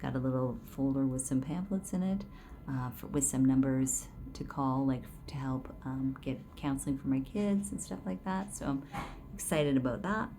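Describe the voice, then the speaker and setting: A woman's voice: a bass voice, normal speed, warm tone, a little hiss or hum. A woman recording a candid personal video diary in a small clinic room on a handheld phone, speaking wryly and sometimes dropping to a whisper. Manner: candid, wry, drops to a whisper at times. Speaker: video diarist.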